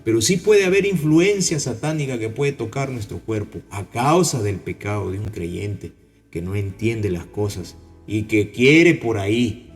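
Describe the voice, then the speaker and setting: A man with a Peruvian accent preaching a sermon, telling stories and acting out the voices of the people in them. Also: on the low side. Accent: Peruvian Spanish. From Peru. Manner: animated storytelling, acting out voices. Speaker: pastor.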